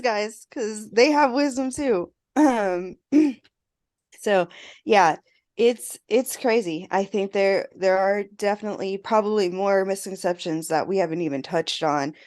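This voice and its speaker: A woman therapist co-hosting a podcast in casual chat, a bit hoarse and clearing her throat as she loses her voice. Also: medium pitch, a little slow, a little mellow. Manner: conversational, reflective.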